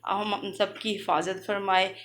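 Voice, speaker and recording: A woman teaching Quran reading in a calm online lesson, recorded close to the mic. Her voice is bright and forward. She draws out the letter drills slowly and talks through her explanations quickly. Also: medium pitch. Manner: slow drawn-out drills, then quick explanations.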